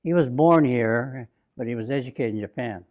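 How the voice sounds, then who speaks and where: A man in his nineties from Bainbridge Island, Washington, a Japanese American of the WWII era, shares his own memories in an oral history interview recording. He speaks slowly and reflectively, halting with fillers and restarts, in a medium-pitched, darkish voice.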